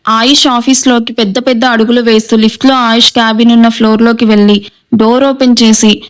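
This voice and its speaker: Woman storyteller, steady scripted novel narration; smooth, slightly high voice, level delivery. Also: fairly quick, poor audio. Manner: steady, even reading.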